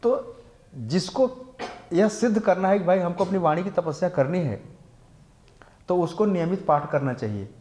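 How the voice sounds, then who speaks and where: A male temple speaker teaches scripture in an animated, high-pitched voice with a dark tone. He chants Sanskrit verses slowly, explains them, asks his listeners rhetorical questions, and blends English into his Hindi.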